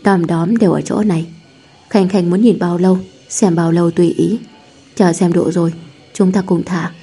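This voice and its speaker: A woman voicing a devoted young husband who talks low and gently, in a hushed, soothing way. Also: steady tone, moderate pace, husky, faint music behind. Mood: tender. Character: devoted rich young husband, cool but tender.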